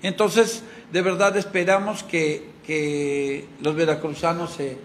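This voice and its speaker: A man's voice: fairly high pitch, steady tone, slow, a little hiss or hum. A man at a press conference speaking earnestly and thankfully about his comedy play. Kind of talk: promotional talk.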